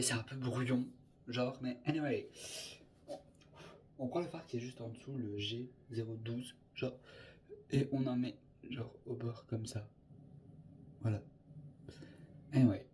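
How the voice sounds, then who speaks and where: A man's voice: mid-range voice, warm tone, a little hiss or hum. Chatty young man doing makeup. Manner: chatty, scattered, peppered with English filler words. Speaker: makeup vlogger. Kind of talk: casual makeup tutorial chat.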